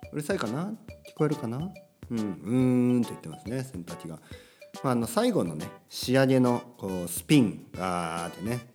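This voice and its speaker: A man with a low-pitched voice hosts a learners' podcast from his home. He talks in a loose, rambling way, his pitch rising and dipping in a lively way as he tacks fillers onto his phrases. Soft music plays faintly behind him. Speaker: podcast host. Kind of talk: casual monologue for language learners. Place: home with a washing machine running.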